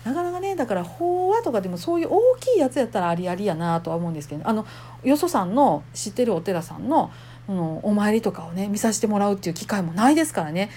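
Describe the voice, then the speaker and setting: Kansai lady rambling casually, super animated voice, soft mellow tone. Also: mid-range voice, fast, a little hiss or hum. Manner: chatty, lively, laughs often. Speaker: temple wife podcaster. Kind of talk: casual monologue.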